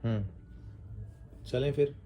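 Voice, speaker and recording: A man vlogging at home, talking to viewers and gently soothing his crying wife. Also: medium pitch, takes it slowly, a little hiss or hum. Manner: soothing, pleading softly. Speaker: vlogger, father. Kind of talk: casual family vlog. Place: home, indoors.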